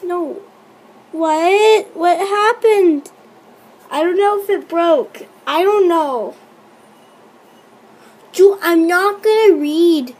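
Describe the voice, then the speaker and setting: High-voiced excitable young woman gamer. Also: drawn-out words, long pauses. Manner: excitable, teasing, exasperated running commentary. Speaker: YouTuber playing a chat-story app. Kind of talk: reacting while reading a texting game aloud.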